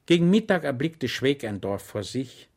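A man's voice: medium pitch, very animated, normal speed, creaky, a little mellow. Man reading a comic novel aloud. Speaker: audiobook reader. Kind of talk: scripted narration of a comic novel.

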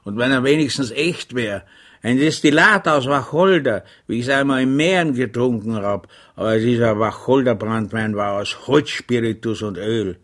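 A man voicing a hungover male army chaplain in a storybook reading, sighing and complaining in a croaky voice. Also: medium pitch, moderate pace, a bit bright, natural voice. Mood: grumbling.

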